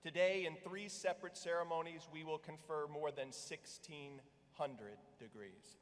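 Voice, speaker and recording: Man, university president, formal podium speech, fairly high voice, long hall echo. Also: fairly even intonation, measured pace, background noise. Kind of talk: commencement speech. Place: large commencement hall. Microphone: podium microphone. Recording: long reverb of a large hall.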